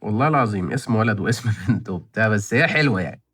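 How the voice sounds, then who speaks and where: A man's voice: lowish voice, lively intonation, rapid-fire, a bit bright, slightly rough. A man in his twenties with an Egyptian accent, hosting his own channel and chatting casually to viewers. He rambles and thinks aloud, often repeating himself. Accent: Egyptian Arabic. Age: 20s. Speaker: channel host reviewing license plate auctions.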